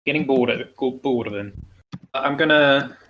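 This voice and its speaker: A man's voice: medium pitch, measured pace, muffled recording. Dithering man over keyboard clatter. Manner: dithering, mutters to himself. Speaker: player. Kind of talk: tabletop game play. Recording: keyboard typing noise behind.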